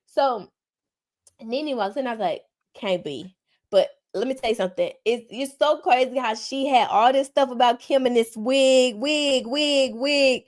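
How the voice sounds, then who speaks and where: A woman podcast co-host, excitedly retelling a celebrity encounter in casual chat. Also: sits high, a little slow. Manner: animated, excited retelling with quoted dialogue.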